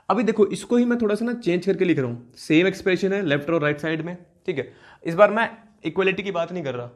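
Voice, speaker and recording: A young maths teacher with a fairly high voice for a man delivers a classroom lecture. He repeats key terms and keeps quizzing students, answering his own questions, and slows down to spell out expressions step by step.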